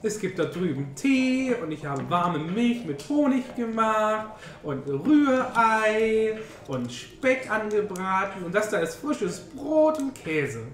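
A woman in tabletop roleplay as a no-nonsense, sharp-tongued hostess, dry and curt. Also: mid-range voice, very animated, slow pace, roomy sound.

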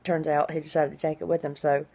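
A middle-aged woman with a low-pitched voice talks casually, as if updating a video diary. Her s sounds are drawn out and hissy, and her delivery rambles along in a conversational way. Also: little pitch movement, quick pace, vocal fry, mellow. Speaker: vlogger. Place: small indoor room at home.

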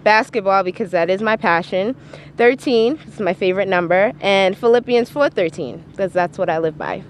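A woman's voice: medium pitch, moderate pace, slight background noise. A woman student, interviewed on live TV, earnestly explains a personal story. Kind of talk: sincere TV interview answers.

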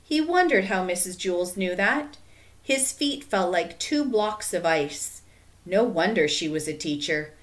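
A woman narrating a children's chapter book in an expressive, measured reading. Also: lowish voice. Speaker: audiobook narrator. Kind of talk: storybook narration.

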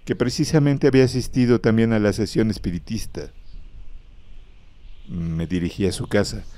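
A man narrating a horror story in a grave, measured way, close to the microphone. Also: low-pitched, mellow, no echo.

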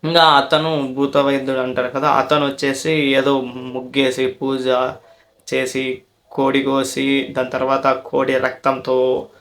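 Slow, flat-voiced male storyteller. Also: mid-range voice. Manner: calm, conversational, retelling in plain speech. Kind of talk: casual storytelling.

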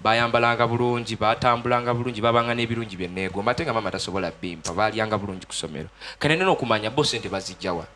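In a TV studio interview, a young gospel musician from Uganda tells his testimony into a handheld microphone. The voice is lowish with a sharp tone, and there's a little background noise. Talking fast and sincerely with a Ugandan accent, he mixes Luganda with English.

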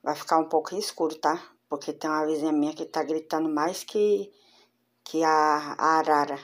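Woman, low voice, chatty, casual show-and-tell, home vlog. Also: fairly even intonation, moderate pace. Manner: chatty, addresses viewers as girls. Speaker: crochet vlogger. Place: home room with door closed.

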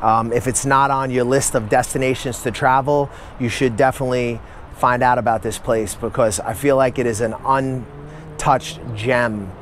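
A man's voice: mid-range voice, steady tone, normal speed, slight background noise. A man talking casually to camera as a travel vlogger while walking around a hilltop fortress, thinking aloud with fillers. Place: outdoors at a hilltop fortress in a city.

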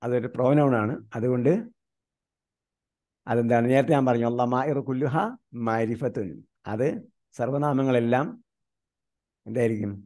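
A man from India teaching an online grammar class, quizzing his students with repeated questions and slowly reciting grammar terms. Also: mid-range voice, fairly even intonation, warm tone.

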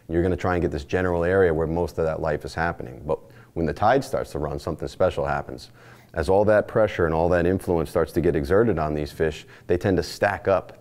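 A man in his forties from the Northeastern United States, a charter captain, speaks in a low, slightly mellow voice. He gives a plainspoken instructional presentation in short, stacked phrases. The recording comes from a lapel mic in an indoor studio, framed mid-shot.

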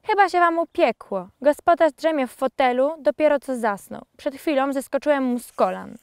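A woman's voice: high-pitched, normal speed, a little mellow, no echo, clean studio sound, voice pushed up. A woman reading a storybook, voicing a sly male tomcat with a smug, bargaining tone.

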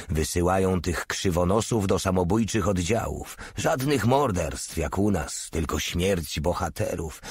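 A man's voice: slightly rough, no echo, clean studio sound. A man reading a war novel aloud as audiobook narration, raising his voice for the characters' lines. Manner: acts out the characters' lines with raised pitch.

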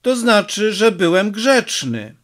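A man's voice: sits high, very animated, slow pace, a bit bright, pitched above the performer's own voice, exaggerated voice. A man voicing a stubborn, hurt six-year-old boy who pleads and insists, in an audiobook reading. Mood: stubborn, plaintive.

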